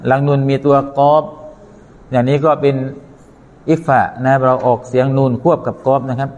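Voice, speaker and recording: A man's voice: medium pitch, steady tone, normal speed, a little mellow, dull audio. A man teaching Quran recitation, chanting verses and then explaining pronunciation step by step in a careful lesson. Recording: long reverberant hall.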